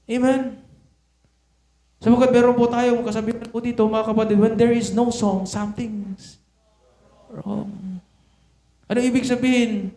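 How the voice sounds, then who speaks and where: A man's voice: very high voice, flat delivery, brisk, warm tone. A man preaching a sermon in Tagalog mixed with English, often asking the congregation rhetorical questions. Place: church sanctuary. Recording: echoey church hall.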